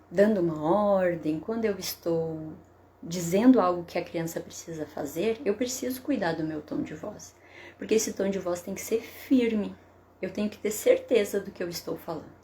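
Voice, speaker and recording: A woman psychotherapist giving parenting advice in a live stream, explaining calmly and often checking in with a tag question. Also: medium pitch. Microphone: webcam or phone for a live stream.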